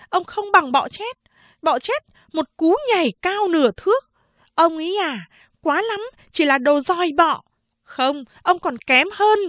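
A woman's voice: high-pitched, bright, forceful tone, no room sound, voice pushed up, full character voice. A woman reading a storybook voices a scornful young woman who hurls cutting, mocking insults.

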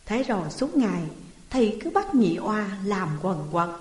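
A woman narrating a folk tale in a steady, measured way, in a roomy hall reverb. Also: mid-range voice. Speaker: storyteller.

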